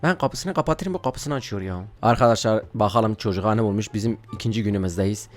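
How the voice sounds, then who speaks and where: A man casually commenting on a video game, playfully scolding and shouting, with frequent laughter. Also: fairly low pitch, fairly quick, soft background music. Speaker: gaming YouTuber.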